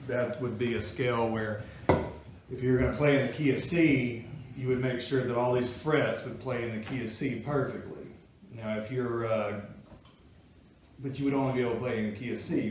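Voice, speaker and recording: A man's voice: mid-range voice, distant mic, slight background noise. A man teaching a guitar-making class to a small group, explaining things in a folksy, chatty way. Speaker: guitar-building instructor. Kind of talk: casual workshop class talk. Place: workshop classroom with students. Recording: echoey room recorded from afar.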